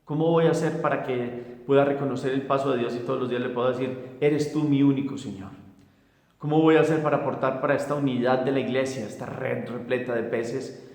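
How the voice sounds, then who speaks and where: A man's voice: medium pitch, steady tone, fairly quick, darkish tone, echoey room, long reverb tail. A man, a priest, giving a reflective gospel meditation and leading a prayer, often restarting and repeating words as he goes. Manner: reflective, with frequent restarts and repetitions.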